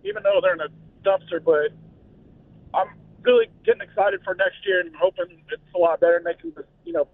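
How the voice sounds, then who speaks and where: A man calling in to a sports radio show, slightly hoarse, talking in an excited, rambling way with fillers. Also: high-pitched, a little fast, no room sound. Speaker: caller. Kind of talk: casual call-in chat. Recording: tinny phone line.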